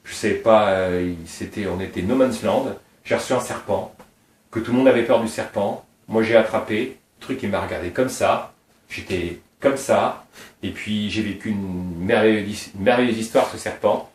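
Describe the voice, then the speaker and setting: Here a middle-aged man from Réunion Island who breeds snakes speaks at normal speed in a fairly low voice. He goes on at length about his animals, casual and digressive, accumulating details. The recording sounds roomy and distant.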